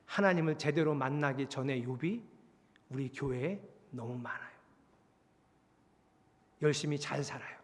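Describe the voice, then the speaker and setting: A man preaching a sermon as pastor, animated and acting out dialogue in shifting voices. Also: medium pitch, moderate pace, long pauses, in a large hall. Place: church sanctuary.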